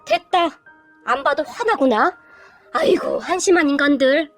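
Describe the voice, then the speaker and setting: Woman playing a stern mother-in-law, firm, scolding, lively pitch. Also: brisk, no echo, faint music behind.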